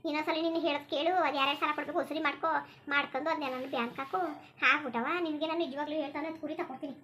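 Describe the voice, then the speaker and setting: A bald old village grandmother from a cartoon, as a woman puts her on, firing off scolding in rural Karnataka Kannada. The voice is high, bright and sharp, and the words tumble out at a breakneck pace. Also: steady tone, slight background noise. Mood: bossy. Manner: scolding, rapid-fire, crude rural Kannada. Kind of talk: cartoon voice acting.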